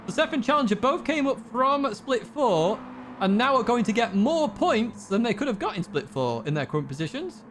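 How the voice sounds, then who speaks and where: A man giving live commentary on a sim racing event in an excitable, chatty manner. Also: very high-pitched, moderate pace, a little hiss or hum. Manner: excitable, chatty, laughs along. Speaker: race commentator.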